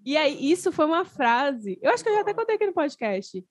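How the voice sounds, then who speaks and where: A woman's voice: high voice, sing-song, fairly quick, no room sound. A woman, hosting a casual podcast chat and asking her guest questions. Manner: chatty, asks questions. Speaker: podcast host.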